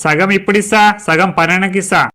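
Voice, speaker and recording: A man's voice: high-pitched, fairly even intonation, fast, noisy background, lightly acted. A man playing a hot-tempered male election candidate who bosses his aide around, speaking in a Telangana Telugu accent. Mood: bossy angry. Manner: bossy, yelling at his aide.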